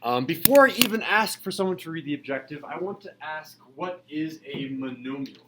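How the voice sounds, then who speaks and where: A man's voice: on the high side, lively intonation, normal speed, noisy background. Man teaching algebra to a class. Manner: calls on students, asks questions. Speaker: math teacher. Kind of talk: classroom lecture.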